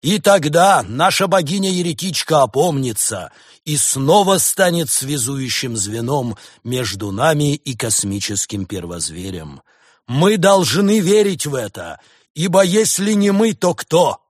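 A man's voice: a little high, very animated, a little slow, no echo, clean studio sound, pitched above the performer's own voice. A man doing Snow Leopard, an impassioned preacher. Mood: rousing.

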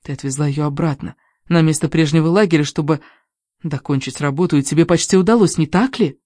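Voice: mid-range voice, a little fast, a little mellow, dry recording, studio quality, close to an everyday voice. A reader voicing a frightened, accusing young woman with a shaky, agitated manner in an audiobook. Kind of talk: audiobook reading.

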